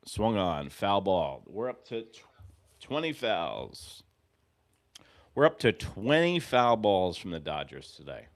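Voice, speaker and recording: A man's voice: fairly low pitch, sing-song, slow pace. Rambling, profane fan host in his forties. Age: 40s. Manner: rambling, profane, swings between muttering and shouting. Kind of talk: live game-reaction commentary.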